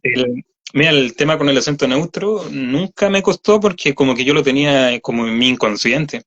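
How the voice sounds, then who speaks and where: A man's voice: medium pitch, animated, normal speed, fairly bright tone. Chatty Chilean man, lo-fi audio. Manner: chatty, explains at length with many fillers. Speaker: voice actor guest. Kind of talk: casual interview chat. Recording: slightly dull lo-fi audio.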